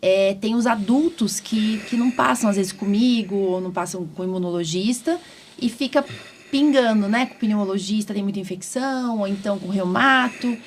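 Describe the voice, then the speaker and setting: A Brazilian immunologist hosts a conversational interview podcast, speaking informally and often closing phrases with tag questions. Her voice sits in the mid-range at a moderate pace, and the background is clearly noisy.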